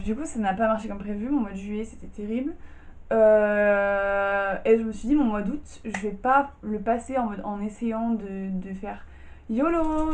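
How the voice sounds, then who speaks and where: A woman's voice: on the high side, a little mellow. A young woman vlogging casually from her bedroom, tired and just out of bed, chatty and full of slang and fillers. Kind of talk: casual chat.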